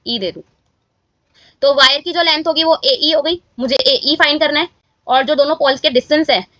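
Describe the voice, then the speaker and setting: A woman's voice: high-pitched, sharp tone, dry recording, muffled recording. A woman teaching a maths lesson, walking students through each step and often correcting herself.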